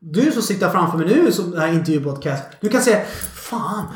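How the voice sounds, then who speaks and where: A man chatting casually as a podcast guest, an animated storyteller who swears freely. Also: high voice. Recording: echoey room.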